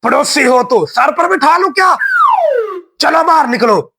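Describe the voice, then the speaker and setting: A man's voice: sits high, lively intonation, a little slow, creaky, a bit bright, breathy edge, exaggerated voice. A man voicing a hot-tempered father in a cartoon who blusters angrily. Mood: angry. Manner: angry, blustering. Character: hot-tempered adult father shouting at a neighbor.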